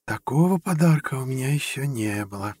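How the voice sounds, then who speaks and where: A man reading an audiobook, voicing a playful, teasing young woman, the narrator's girlfriend, in a lighter, higher voice. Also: expressive, a little fast, a little mellow, husky, no room sound. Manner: light, teasing, giggly speech.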